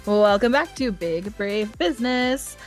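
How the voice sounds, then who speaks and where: A woman's voice: medium pitch, a little slow, soft background music. A woman hosting a podcast, chatting in a casual interview with frequent laughs. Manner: animated, laughing often. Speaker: podcast host.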